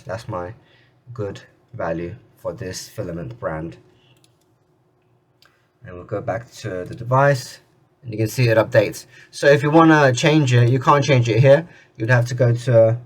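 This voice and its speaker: A man talks through a software tutorial in a relaxed, chatty way. He restarts sentences often and throws in mildly exasperated remarks. His pitch sits in an ordinary middle range for a man. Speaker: 3D printing tutorial creator. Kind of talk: casual screen-recorded tutorial.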